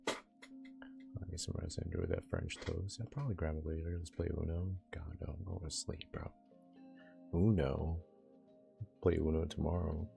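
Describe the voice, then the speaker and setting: A man's voice: deep voice, level tone, normal speed, gravelly, long pauses, warm tone, faint music behind. A young man streaming a game, chatting casually with his viewers in a laid-back, slangy way. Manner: laid-back, slangy, talks to chat and himself. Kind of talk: casual live-stream chat.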